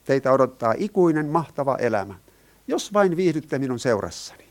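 A man preaching a sermon to a congregation, earnest and explanatory. His voice sits at an ordinary middle pitch. He often turns to his listeners with questions. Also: very animated.

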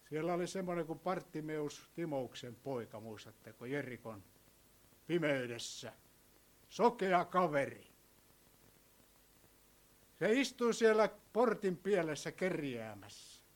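Preacher man telling a story, hushed then loud. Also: fairly high pitch. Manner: asks the listeners questions. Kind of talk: sermon.

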